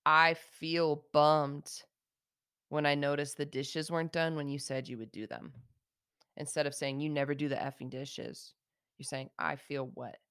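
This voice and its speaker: A woman hosting an advice podcast, teaching communication skills in a direct, casual way with slang, slowing down to model example phrases. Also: sits low, a bit bright, clear, resonant tone, no room sound, clean studio sound.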